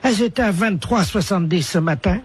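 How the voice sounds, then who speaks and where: A man's voice: sits high, brisk, slight background noise, lightly acted. A man voicing a gossipy older woman neighbour on a prank phone call, chatty and indignant. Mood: gossiping. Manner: chatty, gossiping, indignant about market prices.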